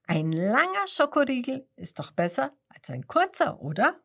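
Woman doing a loud high cheeky puppet clown, jokey, from a kids storybook. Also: sing-song, moderate pace, slightly rough, heavily acted. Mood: jolly. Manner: loud, high and bouncy, joking. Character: cheeky hand puppet clown Kasper, male, jolly joker.

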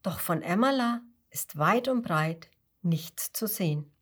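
Woman slowly reading a children's story. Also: on the low side, husky. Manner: slow and gentle, with lively voices.

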